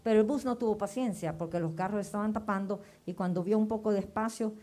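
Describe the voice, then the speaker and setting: A middle-aged woman gives a personal testimony in a church setting. She tells her story with lively energy, in a medium-pitched voice, and acts out the dialogue she remembers. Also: fast talker. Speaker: church member giving testimony.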